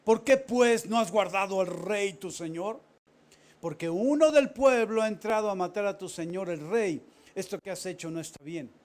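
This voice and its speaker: A man acting out a biblical king shouting reproaches across a valley. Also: fairly high pitch, fairly even intonation, brisk, few pauses, natural voice. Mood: indignant. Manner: loud, indignant, reproachful calling out.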